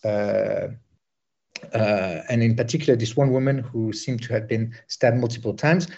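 Bosnian-born male war correspondent, halting field report, dark voice over a dull line. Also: mid-range voice, fairly even intonation, vocal fry. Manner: halting, many fillers and restarts.

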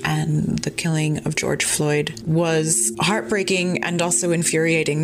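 A woman's voice: deep voice, noisy background. A woman from California giving an earnest personal testimony. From Oakland, California. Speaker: guest speaker.

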